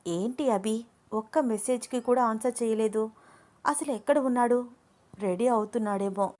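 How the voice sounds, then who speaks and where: A woman voicing an excited, stylish young woman who talks to herself while waiting on a man. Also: fairly high pitch, moderate pace, close to an everyday voice. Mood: eager.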